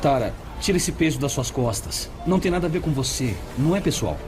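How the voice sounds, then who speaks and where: An actor playing a calm emergency doctor with a Brazilian accent, explaining and reassuring in a dubbed documentary. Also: male voice, mid-range voice, brisk, background noise, natural voice. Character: calm, patient male emergency room doctor. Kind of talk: dubbed documentary dialogue and narration. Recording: music behind the voice.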